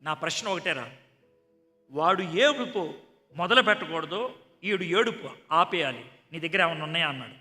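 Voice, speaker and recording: A man's voice: a little high, animated, moderate pace, sharp tone, big-room sound, faint music behind. A man preaching a sermon, telling stories emphatically and acting out the dialogue in them. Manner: emphatic, acts out dialogue in story. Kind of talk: sermon with storytelling.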